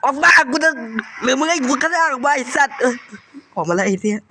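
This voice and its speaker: A young man with a cold and a runny nose, giving loud, profane commentary on a horror game, swearing and yelling at the ghosts. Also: very high-pitched, animated, racing, slight background noise. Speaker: gaming YouTuber playing a horror game. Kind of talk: profane live gameplay commentary.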